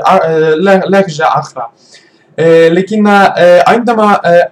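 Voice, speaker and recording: A man with a slightly high voice speaks in beginner's Arabic for a vlog. He hesitates often, fills gaps with long "ah" sounds and restarts his sentences while hunting for words. His delivery is casual and unpolished. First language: not Arabic. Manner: hesitant, many fillers and restarts, searching for words. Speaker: language learner vlogger. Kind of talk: halting casual talk in a learner's Arabic.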